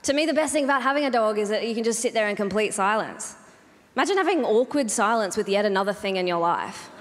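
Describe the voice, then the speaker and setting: A woman's voice: mid-range voice, expressive, fast. A woman doing live stand-up comedy in a reverberant venue, telling stories in a casual, sweary, conversational way and acting out bits of dialogue. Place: comedy venue in front of an audience.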